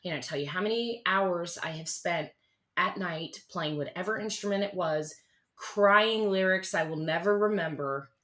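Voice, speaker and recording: A woman in her thirties, a country singer-songwriter, speaking earnestly and haltingly as an interview guest, with many restarts. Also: lowish voice, fairly bright tone. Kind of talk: candid interview conversation.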